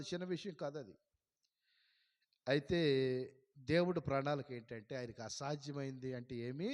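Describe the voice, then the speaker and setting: A man, preaching a sermon as a pastor and telling a story in a lively way. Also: medium pitch. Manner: lively storyteller who acts out dialogue. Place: church hall. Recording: long hall reverb.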